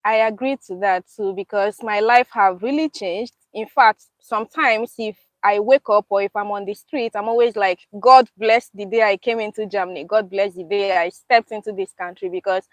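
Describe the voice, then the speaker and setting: A woman's voice: mid-range voice, normal speed, hardly any pauses, no echo, poor audio. A young woman hosting a casual live-stream chat in a park, upbeat and laughing often. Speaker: YouTube host. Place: outdoors in a park.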